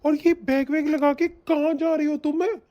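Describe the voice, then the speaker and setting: A woman's voice: high voice, steady tone, normal speed, dark tone, close to an everyday voice. A woman voicing a mild, peacemaking young husband and son in a cartoon, soothing in tone. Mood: placating.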